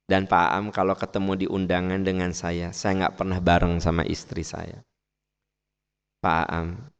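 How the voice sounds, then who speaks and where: A man voicing a humble, devoted father who speaks softly and earnestly. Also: on the low side, clean tone, muffled recording. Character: humble devoted middle-aged father, quietly pleading. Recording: long mosque hall reverb.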